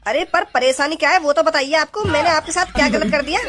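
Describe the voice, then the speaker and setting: An actor doing a quick, curt village doctor. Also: sits high, pushed and bright. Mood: defensive. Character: village doctor, male, brusque and dismissive. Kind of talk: cartoon voice acting.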